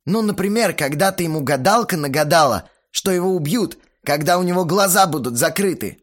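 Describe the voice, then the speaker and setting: A man's voice: a little high, lively intonation, brisk, pitched above the performer's own voice. A man voicing an eager young amateur actor. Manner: eager, lecturing.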